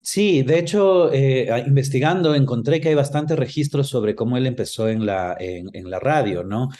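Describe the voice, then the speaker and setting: In a reflective interview, a middle-aged screenwriter-filmmaker takes his time with each answer, hesitating and using little tags to check in. He speaks at a moderate pace in a warm, mid-range voice.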